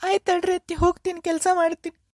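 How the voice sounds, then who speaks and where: A woman's voice: extremely high pitch, level tone, fast talker, a little mellow, dry recording, clean studio sound, voice pushed up. Woman doing polite young daughter-in-law. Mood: pleading. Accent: North Karnataka Kannada. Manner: polite, pleading, respectful address.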